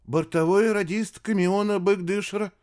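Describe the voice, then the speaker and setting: A man's voice: sits high, steady tone, moderate pace, a little mellow, pitched above the performer's own voice, close to an everyday voice. A man voicing a nervous young male radio operator in an audiobook, talking in a shaky, frightened way. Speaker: audiobook character.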